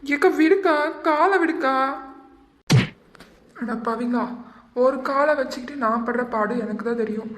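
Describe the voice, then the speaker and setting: A put-upon young cartoon woman who keeps begging to be let go and grumbles about her lot, voiced by a woman. Her voice is high and plaintive. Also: moderate pace, pauses often, close to an everyday voice. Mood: pleading. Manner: pleading and complaining. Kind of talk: cartoon voice acting.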